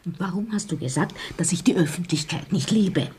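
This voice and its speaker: An actress playing a meek, wounded middle-aged wife in a radio play, timidly protesting in a husky, breathy voice. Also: female voice, mid-range voice, very animated, measured pace, a little hiss or hum. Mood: hurt, pleading. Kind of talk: theatrical radio play acting.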